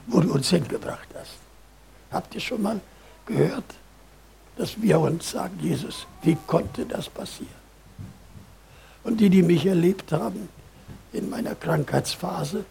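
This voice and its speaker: An older man preaching a sermon, telling stories in a lively way, booming for emphasis and then dropping to quiet asides. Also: creaky, slight background noise.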